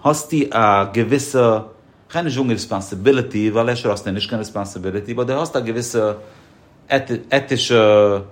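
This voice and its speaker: A man's voice: lowish voice, normal speed. A man as a podcast guest giving insurance advice, emphatic and explaining through examples. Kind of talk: casual podcast conversation.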